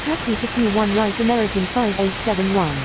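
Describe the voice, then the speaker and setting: A woman with a mid-range voice and fairly even intonation delivers quick, clipped, procedural radio calls as a businesslike airline pilot in a flight simulator game. The audio is full of loud hissing radio static.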